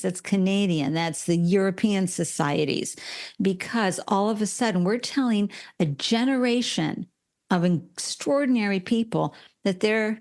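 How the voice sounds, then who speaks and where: A woman's voice: mid-range voice, darkish tone. A woman in her sixties, a podcast guest telling stories animatedly and acting out quoted voices. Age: 60s. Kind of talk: conversational interview.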